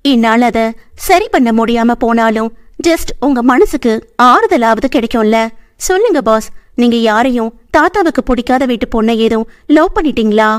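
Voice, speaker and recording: A woman's voice: fairly high pitch, animated, normal speed, close to an everyday voice. A woman voicing an innocent, childlike young woman who chatters naively in a storybook reading. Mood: coaxing.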